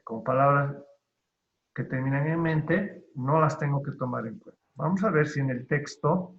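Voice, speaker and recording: A man teaching an online class, explaining spelling rules slowly and deliberately with pauses. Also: mid-range voice, roomy sound. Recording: tinny phone-like online call audio.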